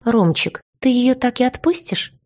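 A woman's voice: on the high side, expressive, unhurried, a little mellow, pitched above the performer's own voice. A woman voicing a brazen, mocking young woman who betrays her friend, with a ringing voice and a smug, taunting way of talking.

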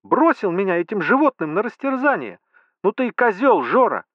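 A man voicing a furious wife screaming down the phone in a shrill voice. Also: very animated, moderate pace, dry recording, muffled recording. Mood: furious shrieking.

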